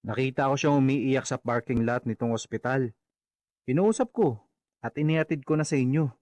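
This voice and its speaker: A man's voice: mid-range voice, moderate pace, darkish tone, no echo, close to an everyday voice. A man playing a loyal, concerned friend in a radio drama, talking in an earnest, soothing way. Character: caring loyal male friend, steady and concerned.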